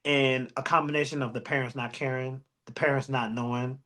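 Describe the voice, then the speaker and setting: A man co-hosting a podcast in casual chat, talking in a slow, drawn-out way and often repeating himself. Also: medium pitch, little pitch movement, pushed and bright. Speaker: podcast co-host.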